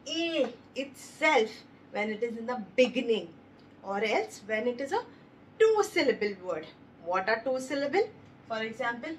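A woman with a slightly high voice teaches phonics slowly, sounding out letters one at a time and stressing every word. She encourages the children, praises them, and calls them babies. The mic is distant, with a little hiss or hum.

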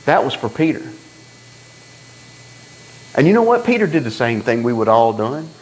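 A man preaching a sermon in a church, telling stories in a folksy, animated way and acting out the dialogue. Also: medium pitch, moderate pace, poor audio. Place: church sanctuary.

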